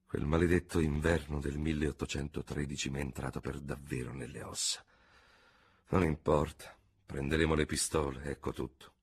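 A man's voice: rumbling low, level tone, normal speed, slightly rough, full character voice. A man voicing a proud, fiery old retired cavalry general who thunders and blusters. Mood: grumbling.

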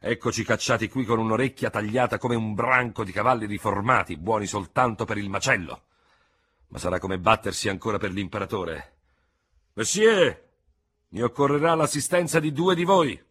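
A man's voice: fairly high pitch, animated, measured pace, husky, voice pushed up. Man voicing a blustering old cavalry general. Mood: fiery, blustering. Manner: thundering, blustering outbursts. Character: old retired cavalry general, fiery and proud.

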